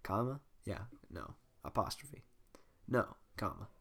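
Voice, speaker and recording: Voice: sits low, very animated, unhurried, creaky, a bit bright. A person with a bad cold reading a script aloud, coughing and making amused, rambling asides. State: sick, coughing. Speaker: script reader.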